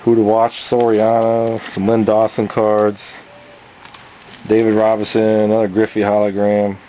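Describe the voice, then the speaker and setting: A young man in his twenties, his voice on the low side, shows off his collection in a cluttered basement, rattling off items with fillers in a casual show-and-tell. He speaks in a monotone, unhurried way with a warm tone. It's a low-quality handheld camera recording with slight background noise.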